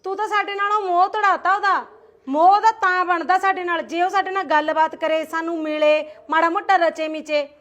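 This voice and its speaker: ਇੱਕ ਔਰਤ ਨਾਰਾਜ਼ ਨਨਾਣ ਦਾ ਕਿਰਦਾਰ ਨਿਭਾ ਰਹੀ ਹੈ, ਪੰਜਾਬੀ ਲਹਿਜੇ ਵਿੱਚ ਤਨਜ਼ ਭਰੇ ਸਵਾਲਾਂ ਨਾਲ।. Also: female voice, very high-pitched, steady tone, fairly quick, fairly bright tone. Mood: complaining. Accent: Punjabi. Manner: sarcastic, aggrieved, tag-questions. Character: resentful sister-in-law, grown woman, touchy. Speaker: husband's sister. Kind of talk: homemade family skit.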